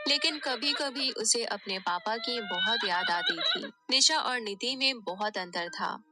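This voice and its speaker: A woman narrating a bedtime storybook tale in a steady, plain storytelling manner. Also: a little high.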